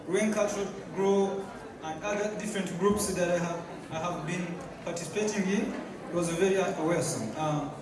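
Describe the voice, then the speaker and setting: Guest speaker, man, halting speech with repeats, crowd noise behind. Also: sits high. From Tanzania. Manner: halting, with fillers and repeated words. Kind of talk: public speech. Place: large hall at a community event. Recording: echoey hall, distant mic, crowd.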